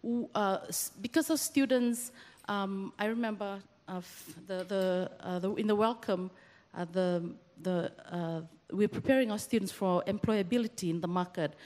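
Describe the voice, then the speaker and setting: A woman's voice: mid-range voice, normal speed, a little mellow. Lecturer lady from fiji talking into a handheld mic, earnest, lots of restarts, long hall echo. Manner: earnest, hesitant with many restarts. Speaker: university lecturer, audience member. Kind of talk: speaking from the floor at a workshop. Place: large semi-open hall with audience.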